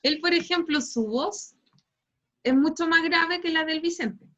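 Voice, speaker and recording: A Chilean woman teaches physics over a video call, explaining step by step and checking in with her class after almost every phrase. Her voice sits high, and the computer mic makes it sound dull and lo-fi. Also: unhurried, a bit bright. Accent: Chilean Spanish. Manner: explains patiently, constantly tags phrases with "¿cierto?". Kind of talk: online class lecture.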